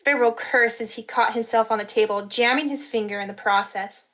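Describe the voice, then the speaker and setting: A woman narrating a fantasy story in a steady storytelling manner at a live reading. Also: fairly high pitch, fairly quick, rough recording.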